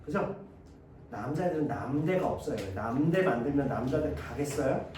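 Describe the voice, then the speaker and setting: A male teacher gives an exam-prep lecture in a lively, up-and-down voice. He slips into short acted dialogues to make his points. The sound is roomy and set back from the mic, with a faint hiss underneath. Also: mid-range voice, moderate pace. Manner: lively, acts out student dialogues. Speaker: Korean literature teacher. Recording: echoey room, mic at a distance, faint hiss.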